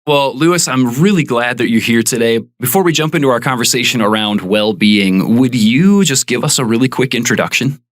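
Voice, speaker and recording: A man's voice: mid-range voice, animated, fairly quick, few pauses, no room sound, clean studio sound. A man from Indiana hosting a podcast interview, speaking in an upbeat, earnest and inquisitive way. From Indiana, USA. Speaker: podcast host.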